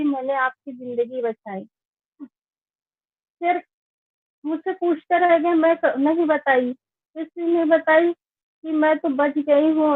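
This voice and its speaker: High-voiced woman telling her story, phone-like sound. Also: no echo. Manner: slow, earnest, plain recounting. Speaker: network marketing member giving a testimonial. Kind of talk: personal life-story testimony. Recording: tinny phone-like, dry sound.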